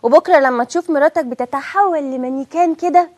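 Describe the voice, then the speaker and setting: Egyptian actress, very high voice, quick complaining delivery. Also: female voice, a little mellow. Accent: Egyptian Arabic. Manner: whiny, complaining dieter. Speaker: wife in comedy sketch.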